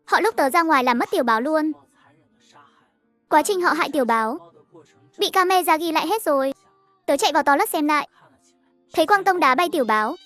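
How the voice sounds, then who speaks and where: A woman narrating a cartoon story in a steady, even storytelling voice, over faint music. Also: sits high, no room sound.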